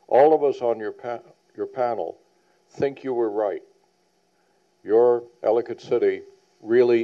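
A man on a planning panel giving a public presentation, earnest and emphatic, repeating key points. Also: lowish voice. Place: public meeting hall. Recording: dull lo-fi sound.

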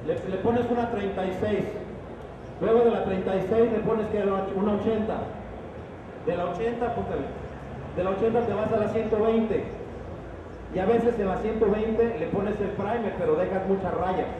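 A middle-aged man with a fairly high voice leads a live sales demonstration, talking into a handheld mic. His words bounce around a big roofed expo hall and reach the camera from far off, with a steady hum of noise behind him. He explains each step and keeps checking that the crowd is following. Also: moderate pace, lo-fi sound. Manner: explanatory, asks the crowd frequent checking questions. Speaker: product demonstrator. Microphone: handheld microphone.

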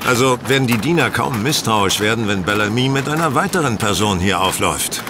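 A man playing Sherlock Holmes, sardonic and lively. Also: fairly low pitch, brisk, noisy background, close to an everyday voice. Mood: self-assured. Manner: teasing, didactic, condescending. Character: brisk, superior male detective, sardonic and self-assured. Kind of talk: German audio drama acting.

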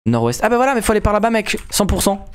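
A man hosting a casual gameplay chat, playful and joking, quick to get excited. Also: high-pitched, smooth. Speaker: gaming video host.

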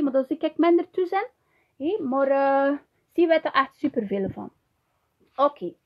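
A chatty Flemish woman teaches a pottery class in a high, bright-toned voice. She talks loosely and keeps checking in with a quick "hè" after almost every phrase. The sound is a bit dull and lo-fi. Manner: chatty, tags nearly every sentence with "hè". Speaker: ceramics teacher. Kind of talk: hands-on pottery tutorial.

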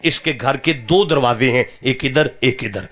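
At a live religious gathering, a man with a Pakistani Punjabi accent delivers a sermon in a medium-pitched voice at a measured pace. He puts questions to his listeners and builds toward fervent shouting.

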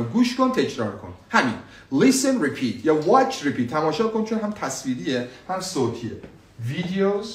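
A male English teacher gives a live online lesson, alternating Persian explanations with slow, drilled English phrases he repeats for learners. He's animated, his voice is on the high side, and the sound is roomy, picked up from a distance.

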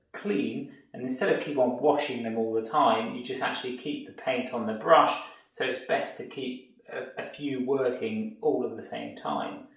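A man, an art tutor, explaining painting steps in a relaxed way as he works. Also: medium pitch, vocal fry, distant mic. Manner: relaxed, explanatory, thinking aloud while painting. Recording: very echoey room, off-mic.

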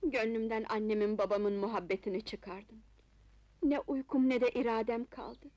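A woman's voice: fairly high pitch, steady tone, moderate pace, a little mellow, no echo, natural voice. An actress playing a modest, devoted young Ottoman woman in love, plaintive and dramatic, in an old film melodrama. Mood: anguished, pleading. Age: young adult. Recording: old film soundtrack with music. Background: film music.

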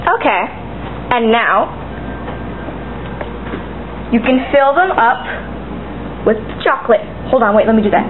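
A woman's voice: on the high side, expressive, unhurried, pauses often. A woman presenting a homemade cooking demonstration, bossily giving instructions and scolding her helper. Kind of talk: homemade cooking demo chat. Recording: tinny lo-fi home camera with clear noise.

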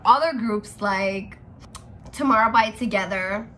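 A woman's voice: medium pitch, a little slow, fairly bright tone, slight background noise. A young woman chatting casually in a home vlog, playful and self-mocking, laughing and leaning on "like" fillers. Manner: chatty and giggly, lots of "like" fillers. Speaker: vlogger. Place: at home indoors.

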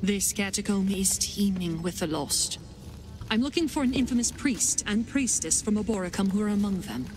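A woman's voice: medium pitch, animated, moderate pace, natural voice. Actress as a resolute warrior woman, vengeful queen, music behind. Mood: grim, vengeful. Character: vengeful warrior queen, grieving mother with iron will. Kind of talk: video game character dialogue.

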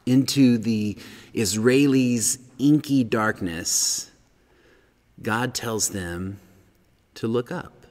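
A middle-aged man preaching a sermon as pastor, earnest and growing animated as he reads, in a large empty church sanctuary. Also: mid-range voice, very slow, long pauses, in a large hall.

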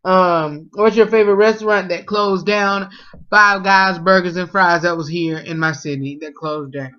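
A man's voice: high voice, steady tone, moderate pace, pushed and bright. Chatty man on a dull webcam. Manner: chatty, reads questions aloud then answers with fillers. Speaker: vlogger. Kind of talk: casual food tag vlog. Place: small room at home, indoors. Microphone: webcam at close range.

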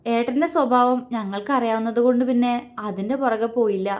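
A woman's voice: a little high, brisk, natural voice. Woman reading a stammering, frightened uncle. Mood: fearful. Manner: stammering, fearful. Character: frightened middle-aged uncle, cornered and stammering. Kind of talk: storybook reading.

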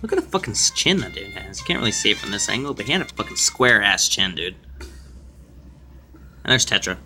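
Bright, joking gamer guy. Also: fairly low pitch, very animated, fairly quick, soft background music. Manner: joking, crude, swears a lot. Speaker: let's play gamer. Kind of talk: casual gameplay commentary.

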